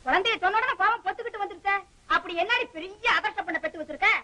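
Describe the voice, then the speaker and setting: An actress playing a sharp-tongued scheming aunt in an old film, taunting and scolding. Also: female voice, very high voice, very fast. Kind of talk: 1960s film acting.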